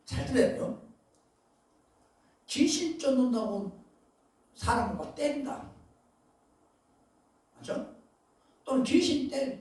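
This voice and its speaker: A male pastor preaching a sermon, emphatic, with loud bursts and asides, often questioning his congregation. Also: high voice. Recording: very echoey hall, voice far from mic.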